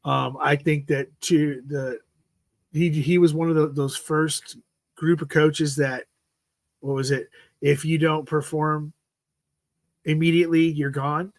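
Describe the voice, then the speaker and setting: Slow and full of long pauses, a man in his fifties rambles through casual football talk as a livestream host, repeating "freaking" and trailing off mid-sentence. His pitch is fairly high but barely moves, and the audio carries no room sound.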